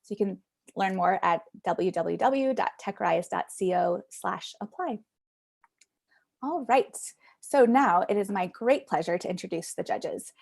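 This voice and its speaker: A woman hosting a pitch event over a video call, giving upbeat, chatty introductions. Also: animated, measured pace, gravelly, darkish tone. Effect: heard over a video call. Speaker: event host.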